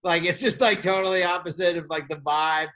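A man's voice: high-pitched, fairly quick. A man co-hosting a casual podcast, playful and loose, with lots of fillers and some swearing. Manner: playful, animated reading of gossip. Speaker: podcast co-host. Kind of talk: casual chat.

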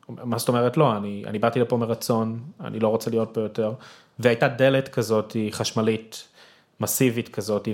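A young man, a podcast guest, telling a personal story with emotion and acting out his own past shouts. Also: fairly low pitch.

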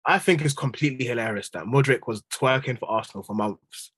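A man's voice: medium pitch, a little fast, fairly bright tone, husky, dry recording. A young man with an urban London accent and street slang, ranting in exasperation during casual football banter. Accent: London, urban street slang style. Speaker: football podcast panellist, Chelsea fan.

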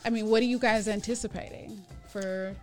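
A woman co-hosting a casual podcast chat, relaxed and talkative, pausing with "um" and "excuse me". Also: mid-range voice, soft background music. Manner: relaxed, chatty, with frequent "um" and "excuse me" pauses. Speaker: podcast co-host.

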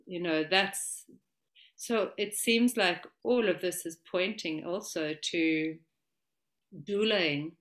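Woman, spiritual guest, flowing searching speech, bright sharp tone, lowish pitch. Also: slow pace. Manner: flowing, searching phrases, repetitive. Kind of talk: spiritual conversation.

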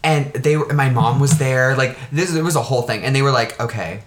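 A young man telling a story in casual chat, animated and swearing often. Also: medium pitch, brisk, roomy sound.

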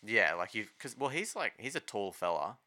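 Deep, bright-voiced Australian man. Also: big pitch swings, moderate pace. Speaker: podcast co-host. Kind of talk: casual sports chat.

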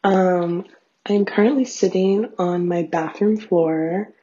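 A young adult woman with a raspy voice and vocal fry, chatting casually in a rambling, self-deprecating solo diary full of fillers. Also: fairly low pitch, fairly even intonation, takes it slowly, mellow. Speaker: host of a personal audio diary. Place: small bathroom at home, sitting on floor. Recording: dull, lo-fi home recording.

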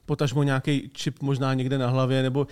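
A man's voice: mid-range voice, level tone, a little mellow, clear, resonant tone. A young man co-hosting a casual tech podcast, explaining ideas at length in speech with joking asides. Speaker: podcast co-host.

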